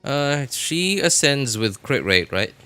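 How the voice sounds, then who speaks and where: With soft music in the background, a man with a mid-range, sharp voice speaks slowly but swings widely in pitch, recorded cleanly. It's casual gaming stream commentary: he chats with viewers in a laid-back, informal style and mutters asides to himself.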